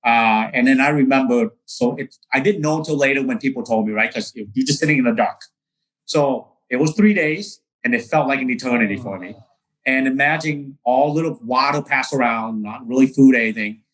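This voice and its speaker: A man's voice: medium pitch, brisk, a bit bright, rough recording. A man from Vietnam, a real estate broker telling his story in a casual interview, earnest, with many fillers and restarts.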